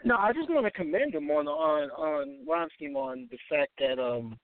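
A man's voice: a little high, expressive, moderate pace, no echo. A man calling in to a radio show on the phone from his car while he drives. He is earnest and repeats points for emphasis. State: driving while on the call. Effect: phone call from a moving car, muffled. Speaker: caller. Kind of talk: casual call-in chat. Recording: muffled phone line from a car.

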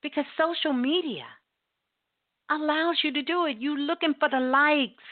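A woman's voice: sits high, moderate pace. A woman radio host delivering a blunt, emphatic talk monologue with casual swearing. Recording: tinny phone-line sound.

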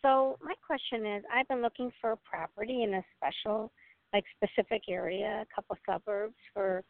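A woman's voice: mid-range voice, fairly even intonation, moderate pace, vocal fry, no room sound. A woman calling in to a radio show over a phone line, talking hesitantly, restarting and trailing off. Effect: heard over a phone line as a radio show caller. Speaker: caller to a call-in reading show. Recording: tinny phone line, dry.

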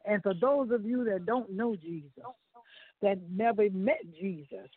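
A man hosts a gospel radio program and makes a fervent appeal to listeners. His voice sits high for a man. It comes through dry and tinny, like a phone call. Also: unhurried, breathy edge, dry recording. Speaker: radio gospel show host. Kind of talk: exhorting radio sign-off.

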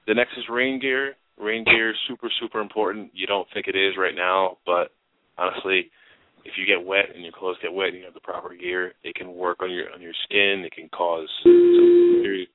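A talk show host with a low, flat voice runs a casual advice chat at normal speed, stressing key words by saying them twice. The recording is dry and narrow, like a phone line.

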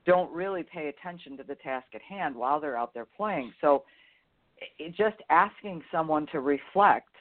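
A woman's voice: low-pitched, lively intonation, moderate pace. A woman golf instructor co-hosting a show, talking frankly and bluntly in casual chat. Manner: frank, blunt teaching talk. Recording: tinny phone-like sound.

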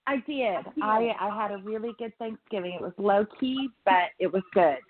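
A woman's voice: mid-range voice, normal speed, slight background noise. A woman co-host chatting casually, agreeable and upbeat, over a phone line. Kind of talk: casual chat.

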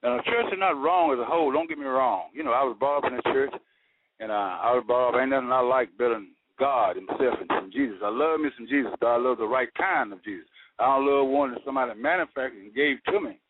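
A man's voice: medium pitch, fast talker. Earnest, folksy male caller heard over a thin phone line with static. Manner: folksy, earnest, preacherly, uses homespun sayings. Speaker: radio call-in caller. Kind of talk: casual call-in talk.

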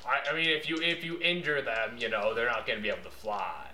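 A man playing a meek, simple griffin farmer who talks in a halting, polite, apologetic way. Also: mid-range voice, bright, forceful tone, pitched below the performer's own voice. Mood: hesitant. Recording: echoey room, faint noise.

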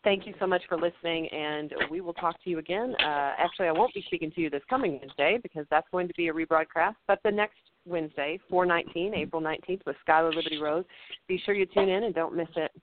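A woman speaks as a show host in an informal, agreeable, chatty style. The sound is narrow like a telephone, with clear noise and clicks behind her. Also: on the low side, quick pace. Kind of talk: casual chat and show sign-off. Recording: noisy phone-like line with clicks.

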